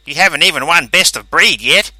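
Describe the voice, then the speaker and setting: Man playing a smug scheming old inventor, loud and emphatic, slightly raised voice, storybook. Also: on the high side, a little fast, breathy edge, dry recording, pitched above the performer's own voice, heavily acted, rough recording. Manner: emphatic, confident. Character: smug older male inventor, self-assured and scheming.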